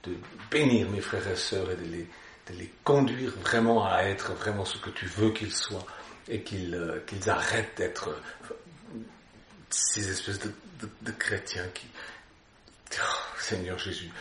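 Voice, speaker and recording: A man's voice: deep voice, a little slow, fairly bright tone. A man preaching an Easter sermon, exhorting his listeners and breaking into joking asides. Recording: roomy hall echo.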